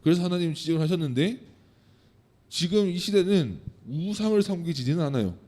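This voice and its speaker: Warm, dark-voiced man preaching to children. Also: a little high, expressive, fairly quick. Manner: asks the children questions and answers them himself; acts out quoted lines of God and the people. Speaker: children's pastor. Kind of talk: children's sermon.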